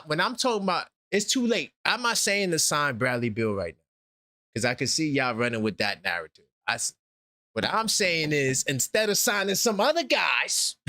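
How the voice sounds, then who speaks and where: A man's voice: fairly high pitch, sharp tone, dry recording, studio quality. A man in his forties hosting a sports talk show, emphatic and repeating his points. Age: 40s. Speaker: host.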